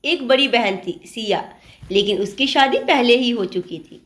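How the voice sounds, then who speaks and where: A woman narrating an emotional family story in an expressive, dramatic storytelling manner. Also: fairly high pitch, measured pace.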